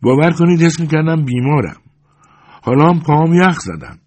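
A man's voice: on the high side, very animated, a little mellow, voice pushed up. A man voicing a pleading, distressed woman. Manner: pleading, plaintive. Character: distressed young woman pleading at a hermit's door.

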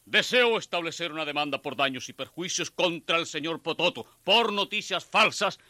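An actor playing a pompous, morbid undertaker who speaks in solemn, flowery phrases in a radio comedy. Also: male voice, a little high, expressive, moderate pace, pushed and bright, no echo. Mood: indignant. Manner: solemn, flowery, theatrical delivery. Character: pompous, morbid male undertaker hungry for customers.

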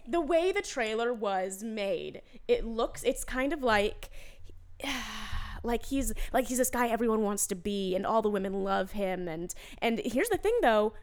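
A woman's voice: on the high side, animated, unhurried. A woman guest on a casual podcast, talking eagerly and laughing as she explains. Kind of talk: casual chat.

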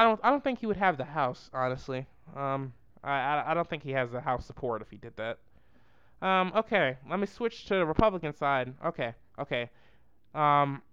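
A vlogger giving a casual, slangy and rambling political roast, with a clear voice. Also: mid-range voice, fairly bright tone, dry recording, lo-fi sound.

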